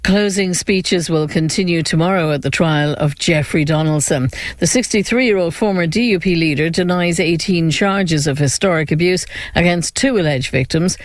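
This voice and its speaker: An Irish man reads the radio news from a script. His voice is notably high for a man, and the studio sound is close and dry. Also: dry recording. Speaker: radio newsreader.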